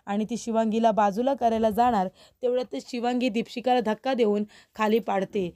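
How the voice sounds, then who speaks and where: A woman's voice: fairly high pitch, brisk. A woman narrating a voice-over recap of a TV serial episode, telling it steadily and speaking to the viewers. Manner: steady storytelling, addresses viewers.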